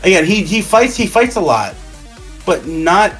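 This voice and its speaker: A drunk man in a casual fan discussion, rambling and halting as he repeats and restarts his phrases. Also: sits high, big pitch swings, fairly bright tone. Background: music.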